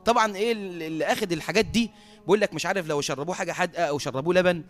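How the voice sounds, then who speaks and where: An Egyptian man preaching a sermon as a lively storyteller who often laughs at his own tale. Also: sits high, racing.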